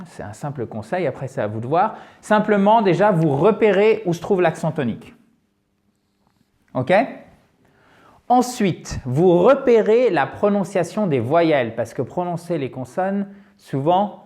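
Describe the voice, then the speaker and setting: A French man teaching English pronunciation in a lively, emphatic video lesson, repeating sounds to demonstrate them. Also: fairly high pitch.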